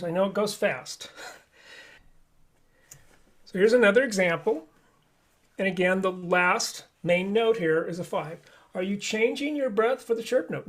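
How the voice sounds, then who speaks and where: A man teaching a live online flute lesson, explaining each step patiently. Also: high-pitched.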